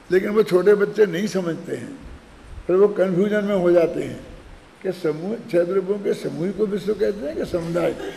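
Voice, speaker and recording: An older man delivers a scripture discourse, explaining each point through homely examples and frequent "understood?" checks. His voice sits high but mellow, and he speaks at an unhurried pace. The sound carries the long reverb of a hall. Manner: explains with repeated everyday examples, asks rhetorical checks. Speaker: Jain scripture lecturer.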